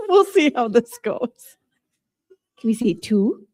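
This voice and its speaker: A woman's voice: on the high side, a little mellow, no echo, poor audio. A woman playfully calling bids in short, simple prompts, coaxing a small child along with a giggly manner.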